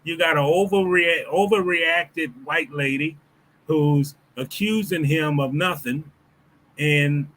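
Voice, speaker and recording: Halting, reflective podcast guest. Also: male voice, fairly high pitch, fairly bright tone, a little hiss or hum, rough recording. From United States. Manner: halting, reflective, many restarts and fillers. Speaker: podcast guest, former sports reporter. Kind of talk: casual podcast conversation.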